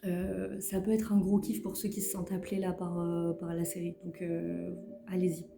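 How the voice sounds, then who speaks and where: This woman's voice is lowish and gravelly, delivered at normal speed with no inflection at all. Offering her weekly tarot guidance in a casual, halting way, she leans on fillers, repeats words, and jokes about her English; the recording has a roomy echo and faint background music.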